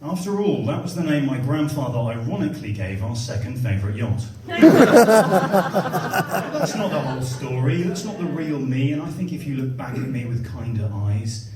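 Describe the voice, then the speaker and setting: At a comedy venue before a live audience, a young man from Somerset, England, with a posh English accent delivers a dryly self-mocking stand-up set. His medium-pitched voice is animated and at normal speed. The sound is roomy and distant from the stage, with loud crowd laughter.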